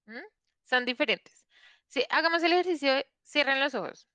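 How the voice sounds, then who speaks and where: A woman's voice: high-pitched, normal speed, bright, forceful tone, dry recording. A woman teaching an online English class, explaining patiently and checking in often with her students.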